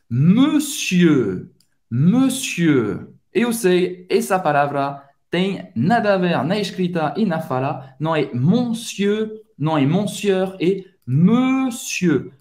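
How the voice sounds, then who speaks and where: A man's voice: fairly high pitch, darkish tone. A native French-speaking man with a French accent, hosting a language lesson and drawing out each word to demonstrate its pronunciation. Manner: slow, drawn-out pronunciation drills. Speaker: French teacher and channel host.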